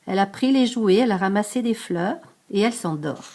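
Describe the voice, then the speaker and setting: An older woman reading a picture book aloud to a grandchild, lively, stopping to explain hard words. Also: medium pitch, brisk.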